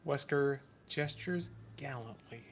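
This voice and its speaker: A man's voice: mid-range voice, slow pace, slight background noise. A man casually reading stage directions aloud during a stream, with chuckling asides. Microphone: home streaming mic.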